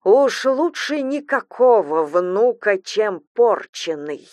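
A woman's voice: mid-range voice, lively intonation, no room sound, close to an everyday voice. A woman voicing a venomous, hissing older mother-in-law. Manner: slow, cold, hissing and contemptuous.

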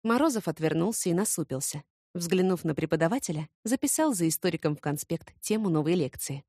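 A woman narrating an audiobook in first person, expressive and ironic. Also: fairly low pitch, fairly quick, no echo, clean studio sound.

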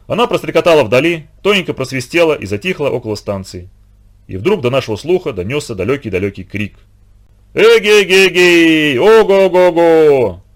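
Expressive male storybook narrator. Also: medium pitch, quick pace.

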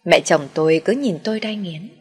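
Lady telling a sad family story, kinda low voice, soft and slow-feeling. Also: animated, husky, faint music behind. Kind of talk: first-person story narration.

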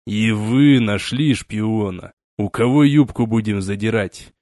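A man voicing a stern, weary starship captain who gives slow, measured commands in an audiobook. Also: fairly low pitch, darkish tone, dry recording, studio quality, lightly acted. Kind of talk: audiobook character reading.

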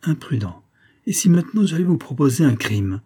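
A man's voice: fairly high pitch, very animated, a little fast, warm tone, slightly rough, voice pushed up. A man reading the part of a grave, brooding young officer who speaks earnestly and solemnly in an audiobook. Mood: somber. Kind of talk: audiobook character voice.

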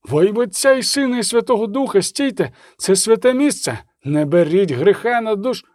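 A man's voice: high voice, expressive, a little fast, a little mellow, no echo, studio quality, voice pushed up. A man voicing a pleading, solemn monk. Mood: pleading alarm. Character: pleading monk holding up a crucifix.

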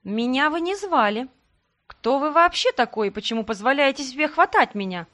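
A woman's voice: high voice, expressive, fairly quick, fairly bright tone, pitched above the performer's own voice. Woman voicing a cold, venomous young noblewoman. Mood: icy. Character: young noblewoman heroine, cold and sharp-tongued.

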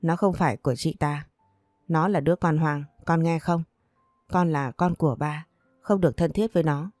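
A woman's voice: deep voice, moderate pace, a little mellow, no room sound, clean studio sound, faint music behind, natural voice. A woman voicing a cruel middle-aged gangster boss in a storybook reading, harsh and threatening.

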